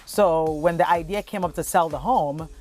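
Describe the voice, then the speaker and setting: A woman in her thirties from Cameroon, a travel blogger telling her family's story in a relaxed, chatty way with plenty of fillers. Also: low-pitched, moderate pace. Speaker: travel blogger and content creator. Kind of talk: documentary interview.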